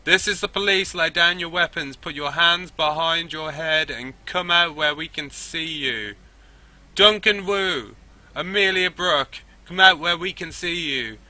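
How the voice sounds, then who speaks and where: A man voicing a stern police officer who is barking orders through a loudspeaker in a game read-through. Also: a little high, recorded from a distance, pitched above the performer's own voice. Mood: commanding. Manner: commanding, slow and loud.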